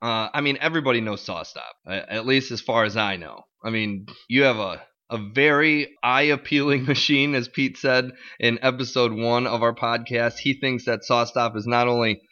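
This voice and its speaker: A man's voice: mid-range voice, moderate pace, few pauses, pushed and bright, muffled recording. A man co-hosting a casual podcast, laid-back and teasing. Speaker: podcast co-host.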